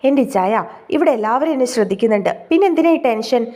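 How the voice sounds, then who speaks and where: A woman's voice: on the high side, lively intonation, fast, darkish tone, lightly acted. A woman voicing an affectionate, teasing young pregnant woman in an audio story. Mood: playful.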